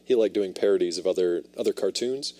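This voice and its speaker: Podcast host, man, very deep voice, enthusiastic explainer. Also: fast, warm tone. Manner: enthusiastic, explains what he looks up. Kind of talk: casual chat.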